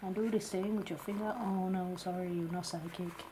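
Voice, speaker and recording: A woman playing a blunt, teasing palm reader in an ASMR role-play, with a Singaporean or Malaysian English accent, clipped grammar and deadpan, musing delivery. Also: on the low side, moderate pace, lightly acted. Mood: pondering, teasing. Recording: clear steady background noise.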